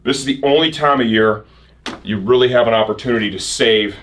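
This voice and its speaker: A man's voice: mid-range voice, brisk, fairly bright tone, slight background noise. A man in his thirties presenting a casual sales promo as a shop show host, upbeat and punchy in his phrasing. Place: indoor shop set.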